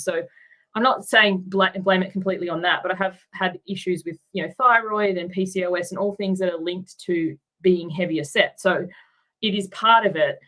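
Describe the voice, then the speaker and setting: Interview guest: Australian woman, middle-aged, lower register, candid and reflective. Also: a bit bright, low-quality recording. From Tasmania, Australia. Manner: open, reflective, with frequent ums and likes.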